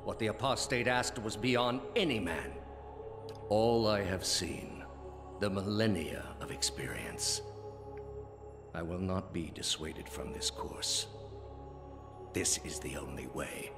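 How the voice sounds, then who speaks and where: An actor playing a weary, ancient immortal villain in a video game, a grave and unyielding orator serving the gods. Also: male voice, low voice, slow, gravelly, long pauses, music in the background, exaggerated voice. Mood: weary, resolute. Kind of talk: dramatic game voice acting.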